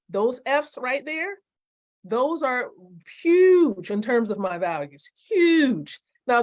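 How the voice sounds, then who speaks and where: A woman in her forties gives a motivational lesson on a live stream. Her voice sits a little high, and she stresses key phrases by repeating them slowly. She keeps asking her viewers questions. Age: 40s. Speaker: network marketing coach.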